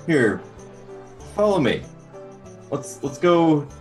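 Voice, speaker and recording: A man's voice: fairly high pitch, very animated, takes it slowly, soft background music. A man playing a sensible, nagging adventurer in a tabletop role-play. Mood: insistent. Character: male adventurer, sensible nagging friend of a drinker.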